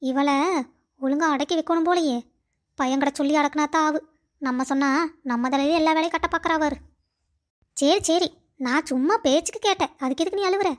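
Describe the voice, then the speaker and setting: A woman voicing a shrill, nagging old mother-in-law. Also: a little fast, long pauses, natural voice. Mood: scolding. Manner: scolding and accusing. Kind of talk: cartoon voice acting.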